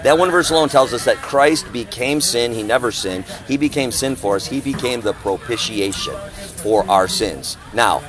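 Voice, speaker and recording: Over music, a mid-range male voice delivers impassioned street preaching and open-air discussion at a normal speed. He sounds animated, and his big, loud voice carries an emphatic, declamatory style full of rhetorical questions.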